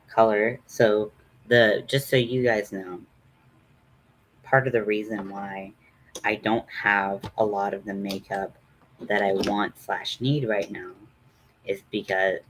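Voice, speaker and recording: Slow-talking man chatting through a makeup tutorial. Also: lowish voice, a bit bright, low-quality recording. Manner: rambling, self-deprecating. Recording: noticeable background noise.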